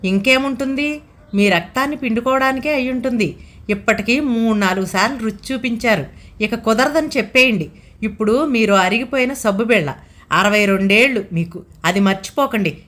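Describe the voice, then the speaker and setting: Woman doing a sharp-tongued scolding older wife. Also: moderate pace, natural voice. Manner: scolding, anxious, higher and louder than narration.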